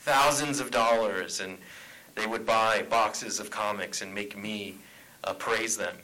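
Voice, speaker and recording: Male panel guest from Arizona, lower pitch with a bright, forward tone, loose and jokey. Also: fairly even intonation, takes it slowly, low-quality recording. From Tucson, Arizona. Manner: chatty, joking, laughs often. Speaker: comic writer, panel guest. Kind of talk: panel talk at a convention. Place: convention panel room.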